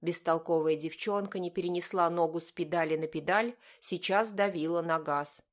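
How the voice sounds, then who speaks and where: Lowish female audiobook narrator. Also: moderate pace. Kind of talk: scripted narration.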